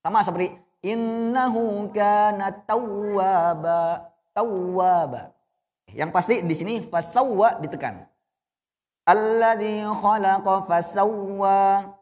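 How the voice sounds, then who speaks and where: A man's voice: sits high, slow pace, a little mellow, big-room sound. A young man teaching adults to read the Quran, patiently correcting their recitation. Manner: patient, corrective, demonstrates then explains.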